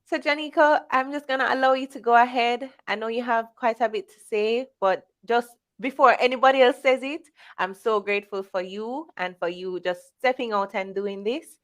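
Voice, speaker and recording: A woman with a Jamaican accent hosts an online conference livestream, greeting viewers in an upbeat, welcoming roll call before introducing the next speaker. Her voice is a little high and a bit bright, with a moderate pace and hardly any pauses.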